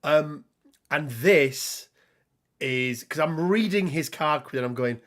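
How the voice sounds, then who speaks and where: A man's voice: on the high side, lively intonation, slow pace, a bit bright. A man hosting a casual tabletop game talk, rambling and laughing as he reads card text, his voice a little worn. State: slightly losing his voice. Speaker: podcast host.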